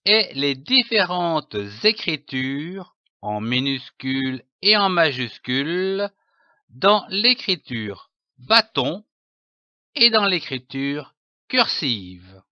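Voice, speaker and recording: Slow, bright-voiced man teaching reading. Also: fairly high pitch, big pitch swings, no room sound, lo-fi sound. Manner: slow, deliberate, spelling out letters and syllables. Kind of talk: slow scripted reading lesson.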